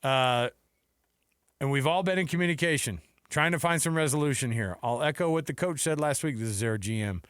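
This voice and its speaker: He has a mid-range, clear, resonant voice that's a bit bright and a little fast. The American man co-hosts a sports radio show, casually joking through a news rundown and acting out quotes he imagines, with studio-quality sound and no room echo.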